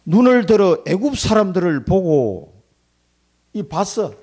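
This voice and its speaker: A man preaching a Sunday sermon in a church, in a colloquial, animated way, acting out the people he quotes and chuckling as he talks. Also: high voice, unhurried. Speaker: pastor. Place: church sanctuary.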